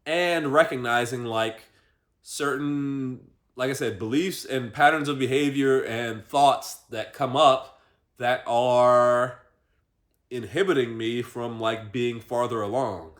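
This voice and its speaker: A man's voice: medium pitch, fairly even intonation, slow pace. Man musing aloud with many fillers. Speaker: vlogger. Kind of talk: reflective personal vlog monologue.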